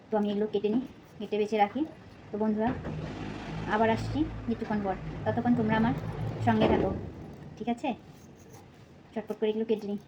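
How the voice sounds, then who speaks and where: A young woman with a Bengali accent chatting casually to her viewers while chopping vegetables at home, a little out of breath and speaking softly. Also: mid-range voice, muffled recording, background noise. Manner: chatty, many fillers, addresses viewers as friends. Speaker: vlogger, mother of two. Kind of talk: casual vlog chat while cooking. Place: home kitchen.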